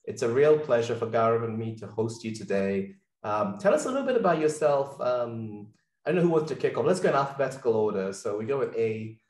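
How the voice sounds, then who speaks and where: A man's voice: mid-range voice, expressive, brisk, a little mellow, reverberant. A man co-hosting an interview, joking and leaning on hesitant fillers. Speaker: podcast co-host.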